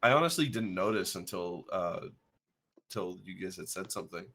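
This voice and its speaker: A man's voice: sits low, lively intonation, fairly quick, bright, forceful tone. A man playing his character in a tabletop game, chatty, with laughter slipping between his words. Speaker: player.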